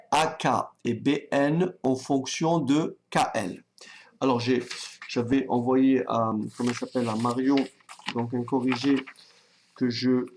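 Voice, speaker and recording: Slow, calm male maths teacher. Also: mid-range voice, a little hiss or hum. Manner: calm, patient, thinks aloud while writing; talks directly to students, checks they follow. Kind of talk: online exam-prep lesson.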